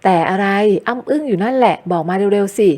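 A brusque young man in an audio novel, short-tempered and quick to scold, as a woman narrator puts him on. His lines come as blunt, impatient questions. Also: medium pitch, mellow, close to an everyday voice. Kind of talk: audiobook character voice.

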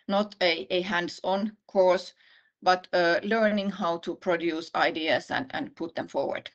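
The speaker is a low-voiced Finnish woman, a university vice-dean, walking through slides in an online conference talk. She pauses often with "uh" and restarts her sentences, and the call audio sounds a bit muffled.

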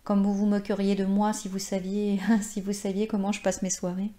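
A woman's voice: medium pitch, moderate pace, mellow, lightly acted. A woman voicing a dreamy, passionate former actress of sixty-nine in a read-aloud short story. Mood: shy, playful.

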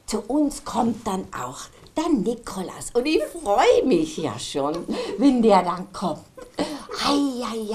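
A woman with an Austrian German accent voicing Kasperl, a merry male puppet jester, chatting to the children in a puppet show. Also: fairly high pitch. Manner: chatty, talks to the children in the audience.

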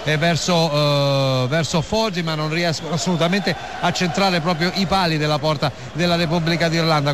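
A man giving live football analysis on the radio in wordy, hesitant phrases. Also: fairly high pitch. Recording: noisy radio broadcast from stadium.

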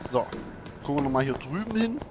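A man comments casually on a video game as he plays, chatting away to himself and to the game character. His voice sits a little high, and steady background noise runs under the home recording. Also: quick pace. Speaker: let's play host.

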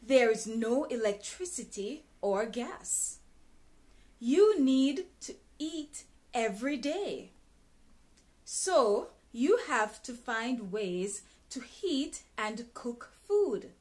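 In a small bright room, a woman in her thirties reads an English textbook passage aloud slowly, carefully and deliberately in a teaching style. Her enunciation is clear and her pitch expressive.

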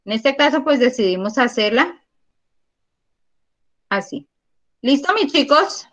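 Slow, patient woman teaching math online. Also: high-pitched, expressive, a bit bright. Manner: patient, encouraging, counts aloud slowly. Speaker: primary school math teacher. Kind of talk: online class. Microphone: computer mic on a video call.

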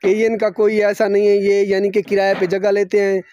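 A man's voice: high-pitched, monotone, fairly quick, mellow, highs cut off. A young man filming his family's house building outdoors, talking earnestly and devoutly to his viewers. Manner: earnest, devout, many religious phrases. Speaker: family vlogger. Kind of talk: casual vlog narration. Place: outdoors at a rural building site.

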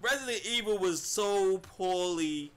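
A man giving a casual, animated movie review, swearing freely and talking straight to his viewers. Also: sits high, unhurried. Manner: animated, swears a lot, addresses viewers as y'all.

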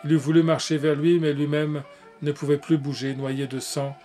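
A man reads a classic tale aloud in a measured way, now and then stumbling and starting a phrase again. His voice sits a little higher than most men's. Soft music plays faintly underneath. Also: level tone. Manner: measured, with small slips and restarts. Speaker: narrator.

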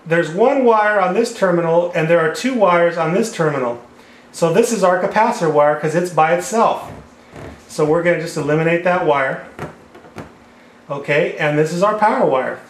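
Speaking at a moderate pace in a voice on the high side, a man who teaches HVAC repair explains wiring step by step while drawing on a whiteboard. He's recorded by a camera over the board at an indoor table, with echoey room sound and a little hiss or hum.

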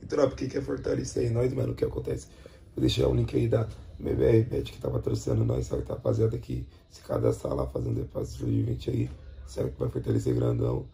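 Brazilian dude w gravelly warm voice, slangy vlog host, always asking certo rapaziada. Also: male voice, a bass voice, lively intonation, fast talker, a little hiss or hum. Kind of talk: casual vlog chat with sponsor plug.

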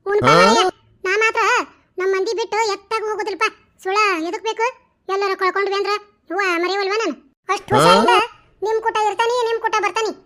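A woman doing a shrill rustic village woman. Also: fast talker. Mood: chattering. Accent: North Karnataka Kannada. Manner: excitable, storytelling, scolding. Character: chattering rustic village woman, fussy and dramatic. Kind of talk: cartoon voice acting.

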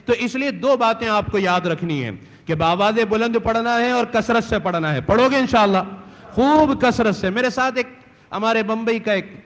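A man's voice: high voice, dull audio. A man from India giving an earnest, emphatic religious training lecture on Hajj to a gathered audience. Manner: earnest, emphatic, chants talbiyah slowly. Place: large hall with audience. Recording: reverberant hall.

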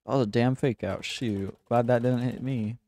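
A man's voice: mid-range voice, steady tone, normal speed, dark tone, dry recording. A young man casually commenting while playing a game, chatty and laughing at himself. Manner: chatty, laughing, self-mocking. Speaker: gaming channel host.

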